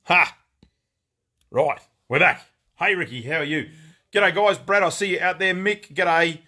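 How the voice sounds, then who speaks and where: A man with an Australian accent and a slightly high, pushed, bright voice takes his time hosting a casual live stream from his shop. He greets viewers by name and rambles through new stock, full of fillers and jokes.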